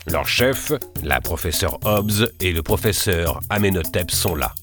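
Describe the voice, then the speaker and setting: A man narrating a children's adventure story in an expressive reading. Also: low voice, measured pace, over music.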